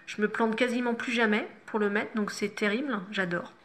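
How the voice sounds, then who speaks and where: A woman's voice: medium pitch, fairly even intonation, normal speed, very noisy. A middle-aged woman talking viewers through a makeup tutorial, chatty and instructive, with self-mocking asides. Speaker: makeup vlogger.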